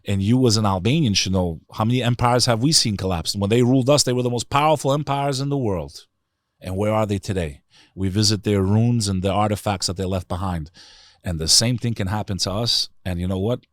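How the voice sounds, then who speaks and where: Recorded with studio quality and no echo, a middle-aged interview guest from the New York City area speaks fairly quickly in a lowish voice. He argues earnestly and emphatically, tossing out rhetorical questions while offering passionate opinions and personal stories.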